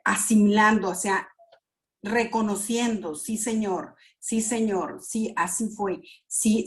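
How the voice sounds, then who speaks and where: Middle-aged woman leading a premarital class at an unhurried pace, repeats herself, acts out little prayers. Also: medium pitch. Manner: slow, repetitive, with sound words and acted prayers. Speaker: premarital counseling teacher. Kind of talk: church class teaching.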